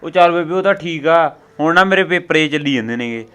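In a family comedy skit, a man plays a student grandson who keeps soothing his grandmother, promising he'll take her once his exams are over. His voice is a little high, fast, animated, smooth and somewhat bright, with a placating, reassuring manner.

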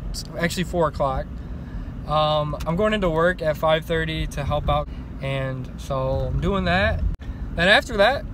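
A man in his twenties chatting casually to his vlog in a low-key way, recorded on a handheld phone inside a car. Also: noisy background. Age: 20s. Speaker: vlogger. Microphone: phone at arm's length.

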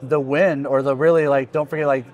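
A man in his forties runs a casual interview at a booth in a busy indoor expo hall, speaking into a podcast microphone on a stand. His phrasing is informal and rambling, and his medium-pitched voice is steady, a bit mellow, and fairly quick.

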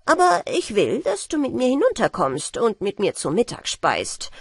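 A woman's voice: on the high side, huge pitch swings, moderate pace, husky, dry recording, studio quality, full character voice. Woman reading as a sly old merman. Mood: sly, hearty. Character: old male merman, sly, hearty, fond of brandy.

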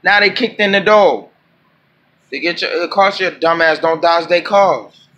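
A man reacting to a video clip in a profane, animated rant. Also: high-pitched, unhurried, lo-fi sound, a little hiss or hum. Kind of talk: casual reaction commentary.

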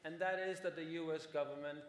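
A man's voice: fairly high pitch, steady tone, fast talker, slight background noise. Man in his forties, conference panelist, explains things and tags "right?", roomy hall with long reverb. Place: large conference hall on stage.

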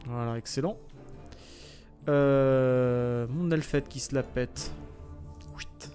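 A man's voice: mid-range voice, steady tone, takes it slowly, mellow. A man giving casual, sarcastic commentary while playing a video game, swearing freely and muttering to himself. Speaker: gaming video host. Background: faint game music.

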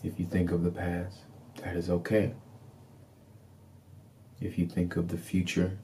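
Leading a guided meditation, a man gives calm, deliberate, soothing instructions in repeated phrases with very little rise and fall. His voice is low, dark, and soft-edged, with a faint background noise behind it.

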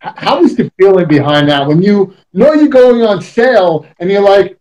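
A New York man in his thirties hosts with a chatty, joking manner. His voice sits a little higher than most men's and comes over a video call. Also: lively intonation, normal speed, a little mellow, lo-fi sound. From Queens, New York. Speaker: talk show host. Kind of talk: casual interview chat.

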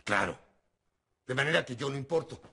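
A man's voice: mid-range voice, lively intonation, a little fast, gravelly, bright, forceful tone, husky, heavily acted. An actor playing a resentful man who insists on his due over the phone. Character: aggrieved man pleading on the phone.

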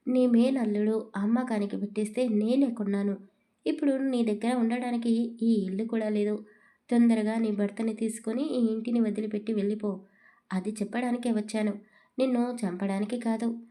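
A woman's voice: fairly high pitch, dark tone, close to an everyday voice. A woman reading the lines of a stern, vengeful young husband in a storybook, speaking firmly and commandingly. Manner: commanding, cold, firm.

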